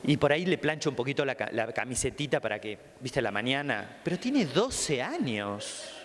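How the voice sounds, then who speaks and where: A psychologist with a Rioplatense Spanish accent gives a training lecture in a hall, acting out the dialogue of his anecdotes as an animated storyteller. His mid-range voice moves at a normal speed, with a big-room sound.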